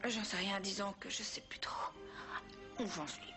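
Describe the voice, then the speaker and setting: A woman playing a warm, curious young confidante in a French-dubbed telenovela. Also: a little high, normal speed, lightly acted. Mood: confused, soft. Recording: background music under dialogue.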